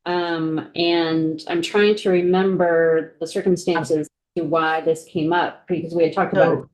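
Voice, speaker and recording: A woman serving as legal counsel at a committee hearing, going through a bill section by section in a halting way, thinking aloud. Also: lowish voice, steady tone, darkish tone, low-quality recording. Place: legislative committee room.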